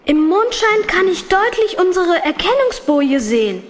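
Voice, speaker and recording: An actress playing an eager, observant young sister on an adventure in a children's audio drama, speaking earnestly and clearly. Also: female voice, very high-pitched, very animated, a little slow, a little hiss or hum, heavily acted. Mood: curious, excited.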